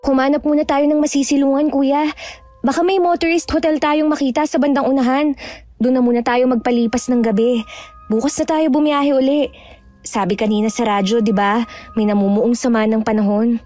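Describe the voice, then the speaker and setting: A woman's voice: sits high, fairly even intonation, brisk, a little mellow, natural voice. A young woman acting as an anxious, superstitious younger sister in a horror audio drama, nagging and easily frightened. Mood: worried. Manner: nagging, fearful, easily scared. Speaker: younger sister riding in a car.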